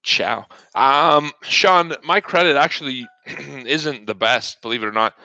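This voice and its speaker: A man's voice: mid-range voice, a little slow, gravelly, sharp tone, no room sound, dull audio. A man hosting a live trading show, giving casual market commentary with jokes and greeting viewers by name. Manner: joking, chatty, talks to viewers by name. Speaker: stock trading show host.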